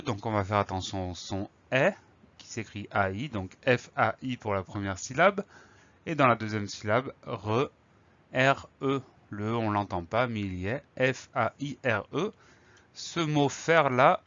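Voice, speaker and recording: A man teaching a spelling lesson, calmly explaining words and spelling them letter by letter. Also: mid-range voice, highs cut off.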